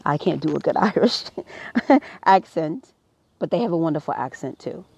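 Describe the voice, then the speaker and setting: A woman's voice: deep voice, animated, normal speed, darkish tone, slightly rough, no room sound. An American woman giving impassioned social commentary as a live-stream host, preachy and emphatic, talking straight to her viewers. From United States. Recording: dull lo-fi dry sound.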